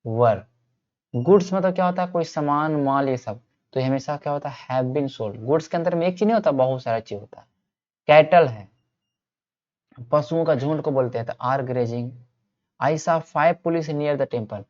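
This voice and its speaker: A man teaches English grammar to exam candidates. He keeps asking the class questions and answering them himself, repeating each point and reading example sentences out slowly. The recording sounds a little dull and lo-fi. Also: medium pitch, darkish tone. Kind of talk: exam-prep grammar lecture.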